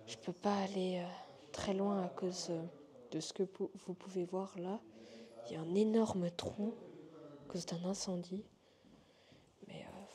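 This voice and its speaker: A woman casually narrating an exploration vlog in a hesitant, halting way, trailing off between observations. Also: lowish voice. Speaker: urban exploration vlogger. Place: inside a large abandoned hotel.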